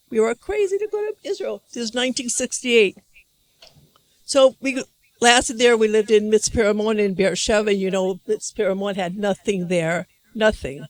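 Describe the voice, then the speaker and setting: An older woman from the United States, with a medium-pitched voice, gives a personal testimony at a conference. Speaking into a handheld microphone in a hall, she rambles emotionally and keeps restarting her sentences.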